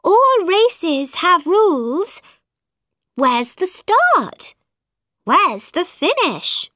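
A woman doing Alice, a high, earnest young girl. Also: very animated, extremely slow, pushed and bright, dry recording, studio quality, heavily acted. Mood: puzzled. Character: young girl Alice, polite but puzzled.

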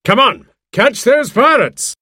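Man voicing Doctor Livesey, brisk husky gentleman doctor. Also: medium pitch, expressive, no echo, studio quality. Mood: urgent, commanding.

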